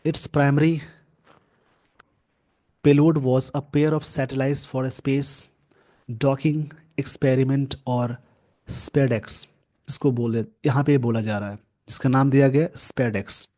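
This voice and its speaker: A man teaching English grammar from a newspaper, explaining slowly and repeating key words. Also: mid-range voice, steady tone, mellow. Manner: slow, repetitive explaining, mixing English terms into Hindi.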